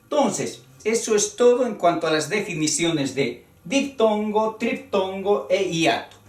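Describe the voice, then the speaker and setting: A man teaching a grammar lesson, slow and deliberate, repeating key words as he explains. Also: high voice, lively intonation, distant mic. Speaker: Spanish teacher. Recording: roomy sound from away from the mic.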